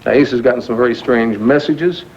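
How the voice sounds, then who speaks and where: A curt, tense grown son on old VHS tape. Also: male voice, mid-range voice, fairly quick, a little mellow. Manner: curt and irritable. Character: tense, short-tempered grown son chasing a lost fortune. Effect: old VHS tape transfer. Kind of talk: 1980s daytime soap acting. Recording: dull lo-fi VHS with faint hiss.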